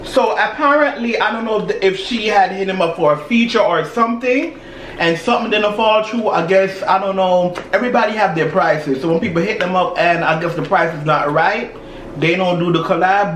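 A man's voice: high-pitched, animated, normal speed, a bit bright. A young man chatting casually in slangy, gossipy talk, chewing while talking over a meal. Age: young adult. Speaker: mukbang host. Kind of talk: casual celebrity gossip chat. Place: indoors at a table, dark backdrop. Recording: roomy sound, faint background noise.

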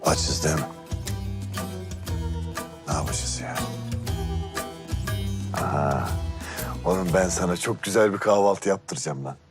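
A man's voice: deep voice, unhurried, pauses often. An actor playing Kuzey, a scheming young man who plots revenge with a teasing manner, in a TV drama. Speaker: lead character. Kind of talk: TV drama dialogue. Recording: TV drama audio with music underneath.

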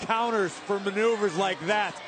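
A man's voice: high voice, fairly even intonation, normal speed. A man doing live colour commentary on wrestling, speaking in a dramatic, emphatic way full of hyperbole. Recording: loud crowd and arena noise.

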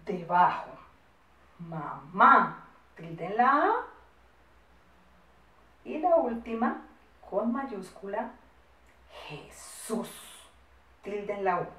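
A woman with a Colombian accent teaching a first-grade class, speaking affectionately with lots of diminutives and slowing down to dictate word by word. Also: medium pitch, far from the mic. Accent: Colombian Spanish. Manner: affectionate, singsong teacher talk with diminutives, slow spelled-out dictation. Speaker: primary school teacher. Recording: echoey room, voice set back from the mic.

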